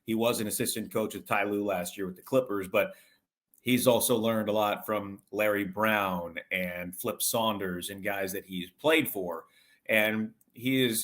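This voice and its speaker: This man has a fairly low, fairly bright voice and appears as an interview guest offering casual sports analysis. He's talkative and explanatory, giving long, detailed answers.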